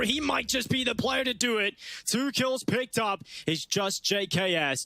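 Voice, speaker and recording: A male esports caster with a high-pitched voice calls a match live. His delivery is dramatic and built around the action. Game gunfire and clicks sound clearly behind him. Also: slight background noise. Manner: dramatic, building to excited calls on big plays.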